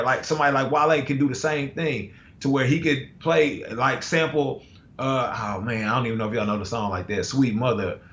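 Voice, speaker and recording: With a fairly bright mid-range voice, an American guest artist talks in a relaxed, slangy way, dropping lots of fillers and restarting often. It's a casual conversation over a video call whose audio sounds roomy, dull and lo-fi.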